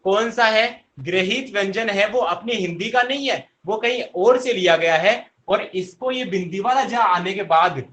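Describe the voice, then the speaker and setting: Male teacher, high bright voice, slow delivery, drills the class with repeated questions. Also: a little hiss or hum. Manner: answers his own questions. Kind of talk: online class lesson.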